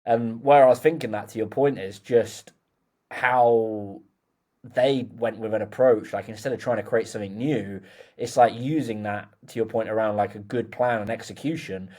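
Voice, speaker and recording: Host guy, lower voice, chatty and laid back, lots of filler words. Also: normal speed, mellow. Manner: chatty, many fillers like "like", agrees often. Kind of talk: casual business conversation.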